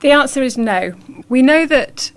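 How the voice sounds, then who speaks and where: A woman's voice: high voice, expressive, moderate pace. A woman explaining as an academic expert in an interview, emphatic and plain-spoken.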